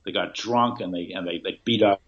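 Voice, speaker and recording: A man speaking as a guest over a thin, metallic-sounding remote call connection, talking haltingly with lots of restarts and repeated fillers. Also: low voice. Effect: tinny, metallic-sounding call connection. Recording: tinny lo-fi remote call line.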